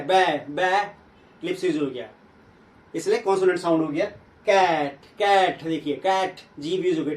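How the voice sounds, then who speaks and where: Male teacher, high voice, drills learners with questions he answers himself, heard from a distance in an echoey room. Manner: asks questions and answers them himself, repeats sounds slowly. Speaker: English teacher. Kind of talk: classroom grammar lesson.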